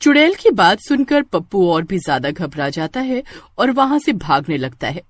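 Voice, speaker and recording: A storyteller giving steady, dramatic scripted narration for a cartoon story. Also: mid-range voice, normal speed.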